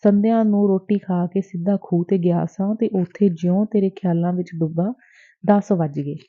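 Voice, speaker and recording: A woman's voice: medium pitch, steady tone, moderate pace, natural voice. Woman reading an earnest lovesick young man. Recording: dry, tinny phone-like sound.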